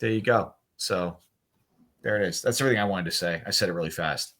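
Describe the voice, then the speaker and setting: A man, an event organizer, chatting on a podcast in an animated, jokey way, with bursts of loud mock outrage. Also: sits low, fast talker. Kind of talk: casual podcast chat.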